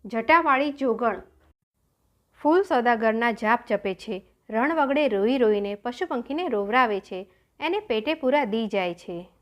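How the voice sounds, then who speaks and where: A humble young woodcutter boy from a spoken folk tale, voiced by a woman storyteller. He answers simply and respectfully. The voice is high and light, somewhat above the reader's own voice. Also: animated, a little slow.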